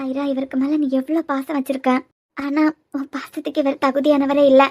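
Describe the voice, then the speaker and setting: A woman's voice: sits high, level tone, moderate pace, darkish tone, no room sound. A woman voicing a protective, secretive young woman in a cartoon with a Kanyakumari Tamil accent, speaking in a coaxing, earnest way.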